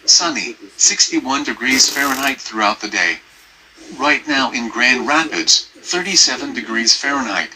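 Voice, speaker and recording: A man of medium pitch reads a scripted weather bulletin. The synthetic voice is extremely crisp-edged and bright, with formal, segmented phrasing. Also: unhurried, pauses often, low-quality recording. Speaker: weather announcer.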